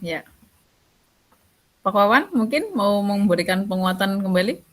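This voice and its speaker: A woman's voice: medium pitch, lively intonation, unhurried. A woman leading a group discussion among teachers, summing up and inviting others with brief prompts. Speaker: discussion moderator.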